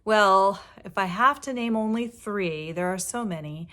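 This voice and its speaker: A woman's voice: mid-range voice, unhurried. A middle-aged woman talks about books in a casual, rambling way, full of fillers and restarts. She sounds tired after a long workday. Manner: chatty, warm, many fillers and restarts. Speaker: book vlogger and reading teacher. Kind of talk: casual chat to camera.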